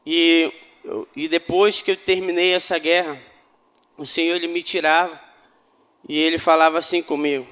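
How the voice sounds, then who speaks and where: A man's voice: sits high, fairly bright tone, clear, resonant tone, long reverb tail. A man giving a fervent spiritual testimony to a congregation, often calling them brothers. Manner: fervent, addresses listeners as brothers. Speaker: church member giving testimony.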